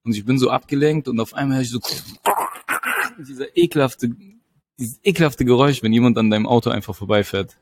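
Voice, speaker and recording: A young man casually telling a story in slangy talk, animated and laughing often. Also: medium pitch, fairly quick.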